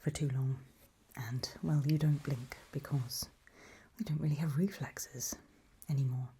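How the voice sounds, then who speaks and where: A whispered role-play by a woman as an eerie, gentle undead mentor in a creepy audio drama. Her voice is very breathy and low, mellow at the edges. She instructs softly and patiently, with quiet unease underneath. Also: fairly even intonation, measured pace, heavily acted. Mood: patient, coaxing.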